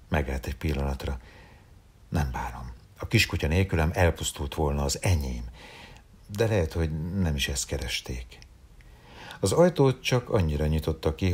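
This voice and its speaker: A man, an actor, reading a story aloud in a calm, expressive way, at times dropping to a whisper. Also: very deep voice, breathy edge. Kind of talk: storybook read-aloud narration.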